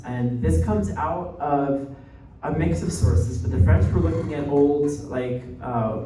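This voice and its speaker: A warm, mid-range voice belongs to a young graduate student from New Jersey, United States, who is guest lecturing in a relaxed academic talk. Conversational throughout, he keeps checking in with listeners, often adding "right?". A distant microphone in an echoey room leaves the sound muffled with a trace of noise.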